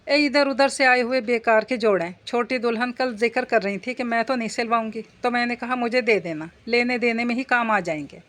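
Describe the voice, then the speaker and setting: A woman reading the part of a sharp-tongued older mother-in-law who gossips and complains. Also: on the high side, fairly quick, few pauses, lightly acted.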